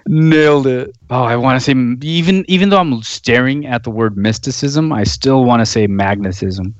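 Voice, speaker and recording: A man co-hosting a podcast in casual chat, relaxed and wry, laughing easily. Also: medium pitch, normal speed, dry recording, muffled recording. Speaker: podcast co-host.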